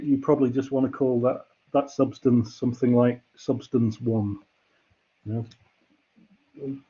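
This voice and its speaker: A man's voice: medium pitch, dark tone, slightly rough, highs cut off. A man giving a university lecture, explaining ideas patiently and step by step with examples. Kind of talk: classroom lecture.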